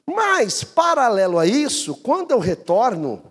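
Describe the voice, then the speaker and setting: A male pastor preaches in a sermon. His voice sits high and runs through wide, lively swings, with a husky grain to it. Long reverb from a church hall hangs on every phrase. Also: a little slow. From Brazil. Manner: animated storytelling, swings between high and low pitch.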